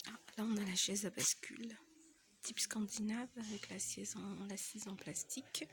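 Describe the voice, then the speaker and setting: A soft-spoken woman with a slight cold, walking through a store and listing decor items and prices for her vlog, often dropping almost to a whisper. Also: mid-range voice, steady tone, moderate pace, a little hiss or hum. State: has a cold. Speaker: home decor vlogger. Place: inside a large home goods store.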